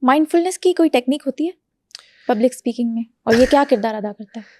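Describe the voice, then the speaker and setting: Soft-toned woman hosting an interview. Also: high-pitched, lively intonation, fast talker, slight background noise. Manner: brief affirming interjections and questions. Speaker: host.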